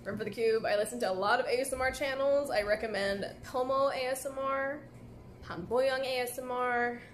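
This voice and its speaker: Answering viewers' comments at a moderate pace, this young woman streams live from a café at night, her light voice a bit high-pitched. She's easygoing and chatty, leaning heavily on "like," and her phone sits at arm's length, picking up a little hiss or hum.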